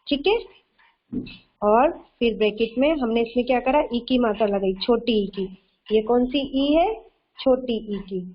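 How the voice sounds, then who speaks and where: A woman teaching a kindergarten class online, slow and patient, often repeating herself and quizzing the children. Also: on the high side, dull audio. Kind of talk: online kindergarten Hindi lesson.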